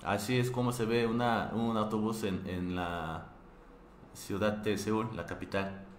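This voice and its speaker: A man's voice: lowish voice, level tone. A man from Korea, teaching a live online language class, patiently repeating words with frequent restarts and fillers. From South Korea. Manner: patient, repeats each word slowly several times. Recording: echoey room with faint background noise.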